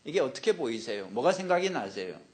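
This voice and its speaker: A man voicing a calm, clinical male psychiatrist in a joke. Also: mid-range voice, quick pace, lightly acted.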